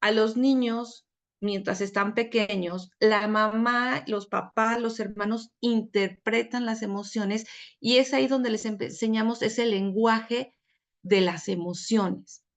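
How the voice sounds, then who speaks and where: A woman, co-hosting a book discussion in an expressive teaching tone, often speaking to the listeners directly. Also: on the high side, takes it slowly. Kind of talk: casual explanatory talk.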